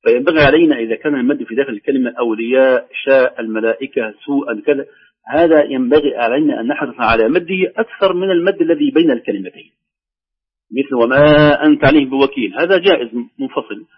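A man teaching the rules of Quran recitation, explaining each rule and then reciting slow, drawn-out examples. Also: medium pitch, slightly rough, dull audio. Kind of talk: tajweed lesson with recited examples.

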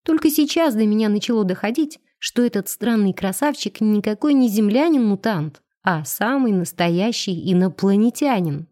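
A woman narrating a first-person audiobook in an even storytelling delivery. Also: medium pitch, moderate pace, few pauses.

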